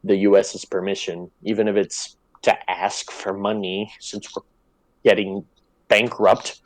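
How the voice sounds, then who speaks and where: A man's voice: fairly low pitch, little pitch movement, measured pace, rough recording. A young man from Puerto Rico chatting on a podcast, telling a story loosely with swearing and laughs. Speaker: podcast co-host. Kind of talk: casual chat.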